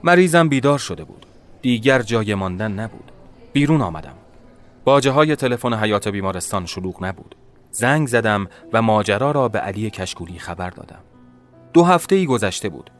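A man narrating a first-person story in a measured, dramatic storytelling manner. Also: lowish voice, lively intonation, faint music behind.

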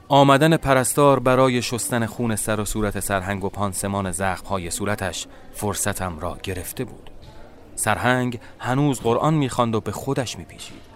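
A man narrating a first-person story in a measured, dramatic storytelling manner. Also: medium pitch, slight background noise.

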